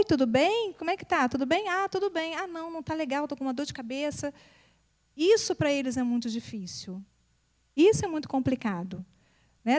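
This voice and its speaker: High-voiced woman telling her story. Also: a little mellow. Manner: repeats words for emphasis, acts out dialogue. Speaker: psychopedagogue and mother speaking at an event. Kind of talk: personal talk to an audience.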